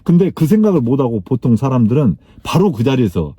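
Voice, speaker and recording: A middle-aged man tells a workplace anecdote in a lively, animated way. His voice is very warm and husky, and the recording is close and dry. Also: medium pitch, a little fast, no echo. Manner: animated, acts out dialogue in his story. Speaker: speaker on workplace life. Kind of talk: anecdotal storytelling talk.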